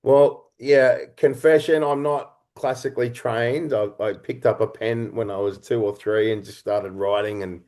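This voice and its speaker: A male interview guest of the creative sort tells stories conversationally in broken phrases, sounding thoughtful and expressive. His mid-range voice moves a little slowly, with hardly any pauses.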